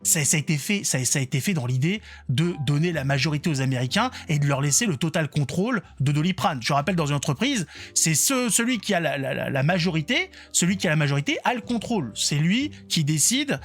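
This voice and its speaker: A man's voice: fairly high pitch, expressive, fairly quick, few pauses, faint music behind. A man giving informal political reaction commentary online, colloquial and sarcastic, with a mocking way of talking.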